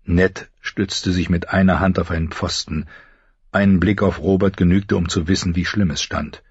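A male audiobook narrator with a very deep, husky voice, telling the story in a measured, grave way. The recording is dry and slightly dull, with no room around the voice. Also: steady tone, no room sound. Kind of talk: scripted narration.

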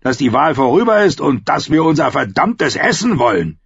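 Guy doing a gruff blunt commander, voice pushed up, husky, dull recording. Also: fairly high pitch, sing-song, normal speed, no echo, pitched above the performer's own voice, full character voice. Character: blunt rough commander, threatening.

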